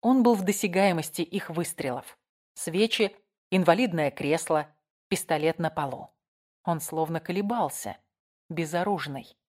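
A woman narrating a crime thriller audiobook in a measured, tense manner. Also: lowish voice.

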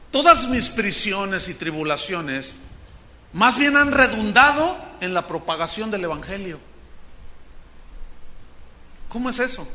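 A male pastor preaching a sermon with fervor, rising to shouts at its peaks. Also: high-pitched.

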